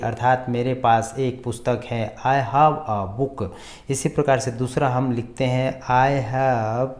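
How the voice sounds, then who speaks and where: A man teaches a grammar lesson in a steady, even voice that barely rises or falls. He moves slowly, sounding out each example word again and again as he writes it out. His pitch sits in an ordinary middle range. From India. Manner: repeats words slowly while writing examples. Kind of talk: slow classroom grammar lesson.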